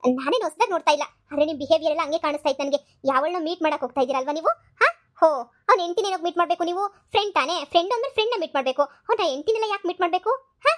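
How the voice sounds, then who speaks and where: A woman voices a jealous, nagging young wife in a cartoon comedy, speaking at an extremely high pitch and racing along with a somewhat bright tone. She accuses, needles, and keeps repeating herself.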